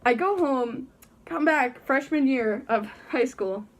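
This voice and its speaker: A teenage girl chats through a funny story in her warm bedroom, her voice sitting a little high. She giggles often and jumps into the voices of the people she describes. The sound is muffled by the costume head she has on. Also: takes it slowly. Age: teens. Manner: giggly, chatty, acts out quoted voices. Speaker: vlogger. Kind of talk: casual storytelling.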